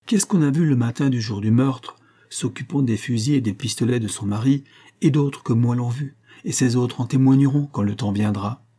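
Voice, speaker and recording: A man's voice: mid-range voice, normal speed, dark tone, breathy edge, natural voice. A man voicing a sly, servile village simpleton who murmurs insinuating questions.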